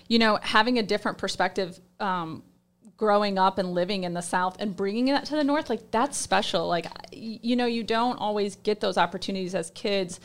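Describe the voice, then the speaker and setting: A woman's voice: medium pitch, a little fast, clean tone. A young woman talking casually in an interview, friendly and chatty.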